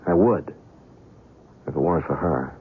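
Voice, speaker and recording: A man with a rumbling low voice, speaking at a moderate pace, acts the part of a shaken, skeptical, stubborn reporter in an old-time radio drama. He talks colloquially and pleadingly, sounding troubled and doubtful. The sound is phone-like, coming from a noisy, thin old radio recording.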